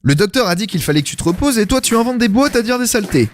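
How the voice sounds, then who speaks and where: A man's voice: high voice, animated, very fast, slight background noise. An actor playing a scatterbrained, pompous male king who is theatrical and flustered, in a comedic radio play. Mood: scolding. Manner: flustered, theatrical, grand formal phrasing.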